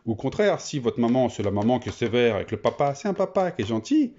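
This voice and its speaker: A man teaching a reading lesson to children, explaining step by step with many pauses and fillers. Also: medium pitch, sing-song, mellow, lo-fi sound.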